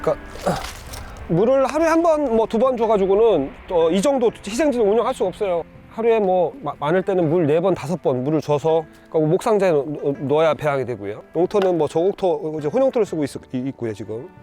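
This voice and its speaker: Male bonsai grower, casual demo, a bit high-pitched, stop-start delivery over faint background music. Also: animated, warm tone. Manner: halting, many fillers and restarts, pointing things out. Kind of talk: casual instructional demonstration.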